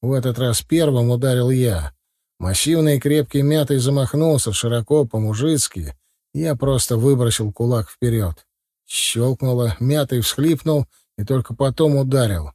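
A man reading a first-person audiobook in a steady, measured way. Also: mid-range voice, no echo, studio quality. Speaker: audiobook narrator.

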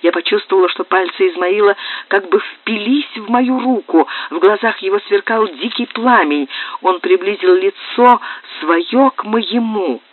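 A woman's voice: medium pitch, measured pace. Woman reading a novel over a tinny line. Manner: expressive first-person storytelling. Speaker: audiobook reader. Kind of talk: scripted narration. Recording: tinny, narrow-band, dry.

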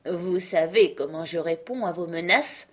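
A woman's voice: fairly low pitch, measured pace. A woman reading the part of a witty, mocking uncle, ironic and emphatic, in an audiobook. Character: witty, mocking uncle who fights a duel.

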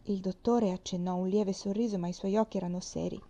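A woman reading a children's novel aloud in a calm, expressive way. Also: medium pitch, brisk, dull audio. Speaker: reader. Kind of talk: audiobook narration.

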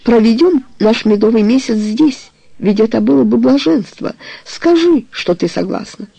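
A man's voice: extremely high pitch, animated, normal speed, gravelly, mellow, slightly rough, no room sound, full character voice, rough recording. A reader voicing a passionate young man pleading with his beloved to marry him, in an audiobook. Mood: ardent. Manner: pleading, tender, insistent. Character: ardent young man proposing marriage, passionate. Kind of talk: audiobook character reading.

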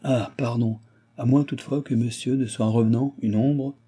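A man with a husky, natural, medium-pitched voice reads the part of an old, skeptical, boisterous baron. At normal speed he mocks and lets out excitable exclamations, his mood mocking throughout.

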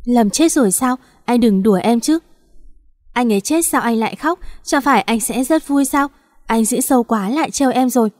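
Storybook heroine: distraught young pregnant woman, pleading, fairly high and mellow voiced by a female narrator. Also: normal speed, close to an everyday voice. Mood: anxious. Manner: pleading, breaking into sobs.

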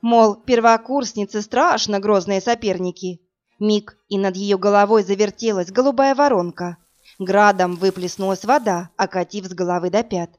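A woman reading a first-person story aloud as an audiobook narrator, in a lively, expressive way. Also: medium pitch, moderate pace, faint music behind.

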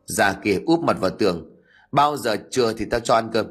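A man voicing a hot-tempered, superstitious middle-aged father who scolds quickly and sharply in a storybook ghost tale. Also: on the low side, lively intonation, slightly rough, faint music behind. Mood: angry.

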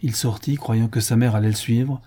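A man narrating a classic novel as an audiobook reader, measured and even. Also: mid-range voice, husky. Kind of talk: scripted narration.

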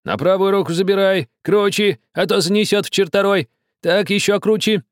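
A man's voice: sits high, normal speed, no echo, studio quality, pitched above the performer's own voice, natural voice. A man voicing a stubborn, quarrelsome old village man who grumbles, wheedles and threatens. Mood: insistent.

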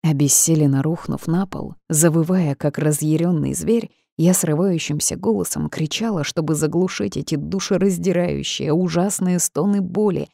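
A woman's voice: low-pitched, vocal fry, mellow, no echo, clean studio sound. A woman narrating a first-person audiobook in a dramatic reading style.

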